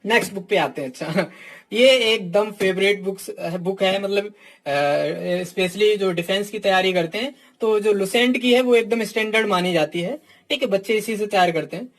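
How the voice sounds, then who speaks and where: Speaking at normal speed in a high-pitched voice, a male exam coach reviews books in an informal teaching session. His views come out frank and blunt, and he constantly adds "ठीक" (theek) while calling his students "my dear."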